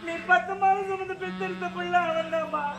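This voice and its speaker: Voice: very high voice, fairly even intonation, fairly quick. A performer in a stage drama playing a remorseful woman who comforts and confesses in declamatory lines. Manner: consoling, then guilt-ridden and declamatory. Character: remorseful woman who took another's baby. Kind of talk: Tamil stage drama acting. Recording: echoey distant stage recording with music.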